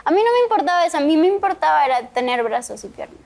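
Young woman guest, very high voice, earnest emotional faith testimony in a TV studio interview. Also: sing-song, very fast, creaky, a little mellow.

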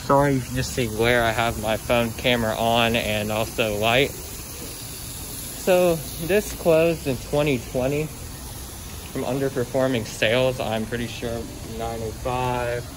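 A teenage boy rambles through a casual vlog, phone held at arm's length as he walks around a mall at night. His delivery is loose and full of fillers, with upbeat sign-offs. Steady outdoor noise sits under his voice. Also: medium pitch, unhurried. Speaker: vlogger.

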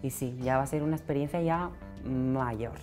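A woman's voice: very deep voice, normal speed, a little mellow, faint music behind. A woman, answering interview questions earnestly and reflectively, recorded on a lapel mic in a small studio. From Catalonia, Spain. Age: 20s. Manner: earnest, reflective, repeats words when searching. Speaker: pageant winner guest. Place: small TV studio set, indoors.

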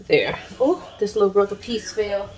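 A woman's voice: medium pitch, normal speed, a crowd in the background. A woman in her thirties chatting casually in a home vlog while she cleans and organizes her kitchen, rambling and often saying "so yeah", picked up by a camera on a tripod across the room. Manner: relaxed, rambling, repeats "so yeah". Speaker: vlogger.

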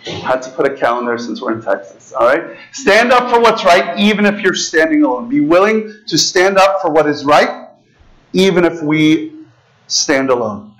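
This is a sermon from an American priest in his thirties whose voice is notably high and fairly bright, spoken at normal speed with plenty of expression. Indoors in a large, ornate church, he gestures freely and keeps the seated congregation with him through frequent "right?" and "okay?", talking as if with friends. A camera far from his lectern gives a rough recording.

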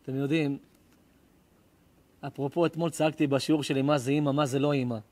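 A middle-aged man, a rabbi, giving an emotional sermon full of stories, swinging between loud cries and hushed tones. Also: mid-range voice, little pitch movement. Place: live lecture before an audience.

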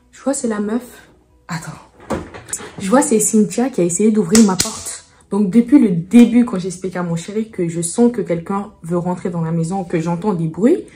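A woman's voice: mid-range voice, warm tone. Chatty young woman telling a story. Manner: chatty, acts out dialogue, frequent fillers. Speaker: vlogger. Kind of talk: casual storytime.

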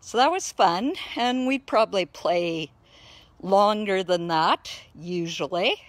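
A woman's voice: medium pitch, expressive, takes it slowly, no echo. A woman, a therapy dog handler, chatting to viewers in a casual live stream while she plays with her dog outdoors in a backyard.

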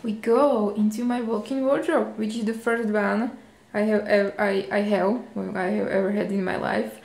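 Young Czech woman, giggly rambling vlog chat, mid pitch, echoey flat. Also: normal speed, vocal fry. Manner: chatty, giggly, rambling with fillers. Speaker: fashion vlogger. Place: hallway and walk-in wardrobe of her flat. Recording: echoey hallway.

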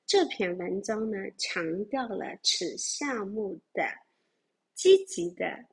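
Clear-voiced woman teaching English words. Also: mid-range voice, lively intonation, a bit bright. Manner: explains words, spells them out letter by letter, slows down on English examples. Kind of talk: vocabulary lesson.

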